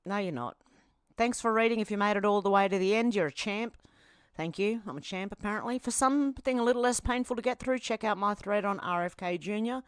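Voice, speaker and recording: A woman's voice: mid-range voice, a little fast, clean tone, no room sound, clean studio sound. Blunt sarcastic Australian woman vlogger. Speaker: commentary vlogger. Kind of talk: reading posts aloud with commentary.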